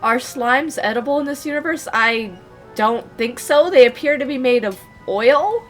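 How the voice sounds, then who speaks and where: A woman's voice: high-pitched, expressive, moderate pace, a bit bright, soft background music. A young woman chatting casually through a live game stream, laughing often and reading dialogue aloud.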